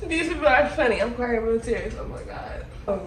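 With a slightly high voice, lively intonation and moderate pace, a young adult American woman hosts a prank-call video, chatting casually on the phone. Recorded indoors against a cloth backdrop, the audio is echoey, distant and faintly noisy.

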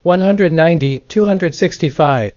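A man's voice: on the high side, moderate pace, darkish tone, no room sound, dull audio. An older man teaching a bowling class in a classroom, talking emphatically and answering his own questions. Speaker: bowling coach. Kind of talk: classroom lecture. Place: classroom with a projector screen.

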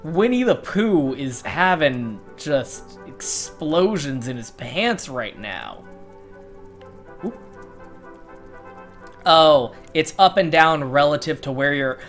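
A woman streaming a game with casual, profane, joking commentary. Her voice is low and her pace unhurried, with music behind it. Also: big pitch swings.

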